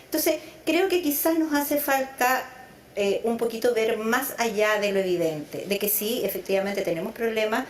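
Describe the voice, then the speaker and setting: Speaking at normal speed in a reverberant space, a middle-aged psychologist raised in Venezuela after being born in Chile gives a thoughtful interview. Her pitch is fairly high, and she stretches words to underline points.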